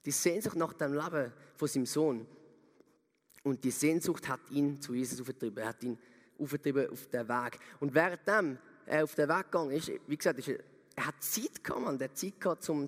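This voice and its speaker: A man's voice: mid-range voice, gravelly. A man preaching a sermon, emphatic and turning to his listeners with direct questions. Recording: long reverb in a hall.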